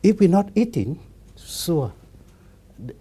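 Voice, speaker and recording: High-pitched and husky, this Buddhist monk in his fifties talks casually in halting non-native English, circling back on phrases and restarting frequently.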